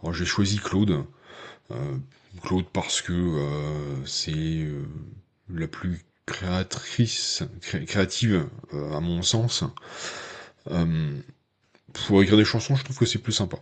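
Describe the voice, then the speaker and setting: A man's voice: sits low, takes it slowly. A man hosting a tech channel, talking the viewer through a tutorial in a chatty, hesitant way with lots of fillers. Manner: addresses viewer informally. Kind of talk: casual screen-share tutorial.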